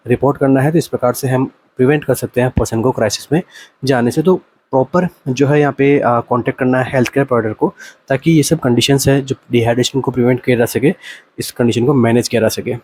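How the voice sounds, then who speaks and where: A man's voice: medium pitch, steady tone, darkish tone, slight background noise. Man explaining nursing exam questions. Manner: asks rhetorical questions and answers them, reads English options slowly. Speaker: nursing exam coaching teacher. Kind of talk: explaining exam questions in Hindi-English mix.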